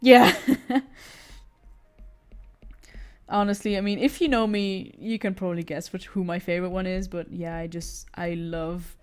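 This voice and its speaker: A woman's voice: lowish voice, fairly even intonation, fairly quick, hardly any pauses, darkish tone, clean tone, soft background music. A young woman streaming as she draws, chatting casually in a rambling way with many fillers, stammered restarts and frequent laughs. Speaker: artist streaming while drawing. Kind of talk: casual chat while drawing.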